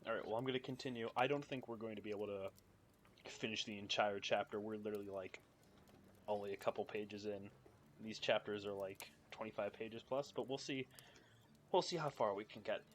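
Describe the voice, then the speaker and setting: On a home streaming mic with slight background noise, a young live streamer reads from a book, talking a little fast in a fairly low voice with fairly even intonation. Between passages he chats with his viewers, giggling nervously.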